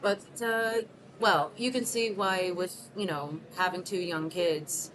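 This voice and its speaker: Noticeable background hiss accompanies a woman in her thirties from Mexico City whose voice is on the low side with fairly even intonation. Acting as a 38-year-old single mother interviewed in a short film, soft-spoken and self-conscious, she haltingly answers unheard questions in a scripted monologue, full of ums and restarts.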